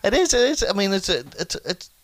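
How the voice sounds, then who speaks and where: A man's voice: high voice, sing-song, quick pace, fairly bright tone. A man with a Northern Irish accent hosting a casual comedic podcast chat, joking and laughing often. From Northern Ireland. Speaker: podcast host.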